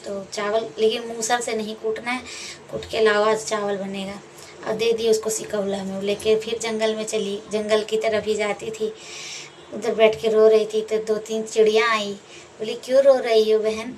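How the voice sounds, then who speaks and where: A woman's voice: mid-range voice, little pitch movement, normal speed. A woman telling a folk tale in a homely, conversational way, acting out the lines of the people and animals in it. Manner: homely, conversational retelling with acted dialogue. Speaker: storyteller. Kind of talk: casual folk tale narration. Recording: distant mic with faint background noise.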